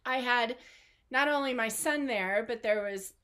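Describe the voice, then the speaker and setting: A woman's voice: a little high, unhurried, a bit bright, clear, resonant tone. A woman hosting an online group, telling a story in a casual, rambling way full of fillers and small laughs, speaking into a video call microphone from home. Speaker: online art studio host.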